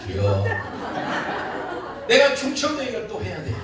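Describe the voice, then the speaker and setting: In a church sanctuary, a man with a high voice preaches a humorous revival sermon a little slowly, laughing through his funny anecdotes while a crowd is heard in the background. The recording is echoey, made with a distant mic in the church hall, and room noise comes through.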